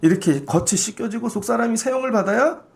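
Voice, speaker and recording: A man's voice: high voice, lively intonation, fast, gravelly. A man pastor giving a conversational Friday prayer sermon, acting out the voices of the people he quotes. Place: church sanctuary.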